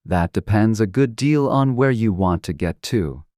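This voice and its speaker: A sly, unruffled talking cat from a storybook, played by a woman. The voice is low and languid, teasing in a matter-of-fact way. The sound is dry and free of echo. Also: expressive, normal speed, mellow. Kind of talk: dramatized storybook reading.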